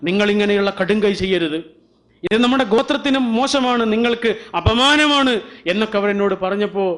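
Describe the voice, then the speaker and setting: A man's voice: sits high, a bit bright. A man telling the lines of a grieving chief's confession. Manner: pleading, repeats a plea refrain.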